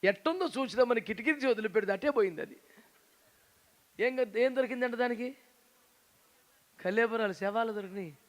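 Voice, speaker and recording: A man preaching a sermon. He talks in a lively, teasing way and often acts out the people in his story. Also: very high voice, normal speed, long pauses. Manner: animated, teasing, acts out quoted voices. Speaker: pastor.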